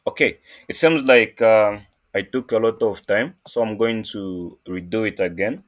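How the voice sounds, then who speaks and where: A man from Zambia hosting a casual screen-recorded coding tutorial, talking in a halting way with many fillers and restarts. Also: on the low side. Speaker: programming tutorial host.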